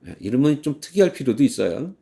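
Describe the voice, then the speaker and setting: A male pastor delivers a lively church sermon in a medium pitch with vocal fry. He acts out heated grievances and sometimes sings a hymn at a slow pace.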